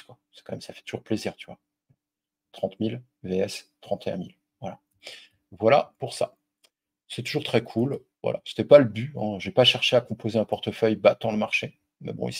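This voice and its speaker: Middle-aged male host, low husky voice, loose chatty delivery full of fillers. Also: darkish tone. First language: French. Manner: informal, lots of fillers, addresses the viewer directly. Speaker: investing video host. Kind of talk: casual explainer with a familiar tone.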